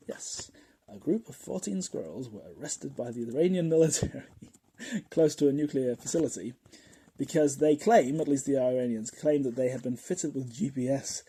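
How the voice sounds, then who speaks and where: A man hosting a podcast in a casual monologue, rambling and chatty, often chuckling and dropping into quiet asides. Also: mid-range voice, husky, rough recording. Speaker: podcast host.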